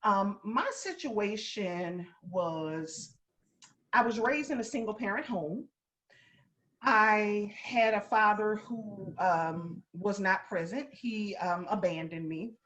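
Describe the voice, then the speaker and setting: A woman hosts a discussion panel, guiding her guests in turn in a steady, even way. Her voice sits at a middle pitch for a woman. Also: takes it slowly. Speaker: podcast host.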